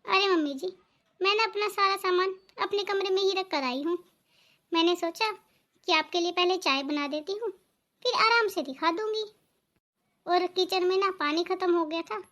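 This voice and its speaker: A young daughter-in-law from a cartoon family drama, voiced by a woman, with a very high, light voice. She stays polite but holds her ground. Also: fairly bright tone. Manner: polite but firm, answering back.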